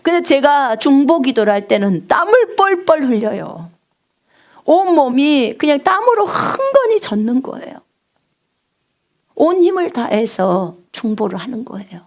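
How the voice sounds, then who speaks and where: A woman missionary preaching a live sermon on prayer, with a big resonant singer's voice, asking the congregation questions and swinging from loud cries to hushed whispers. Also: high voice, sing-song, measured pace. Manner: asks the congregation questions and answers them.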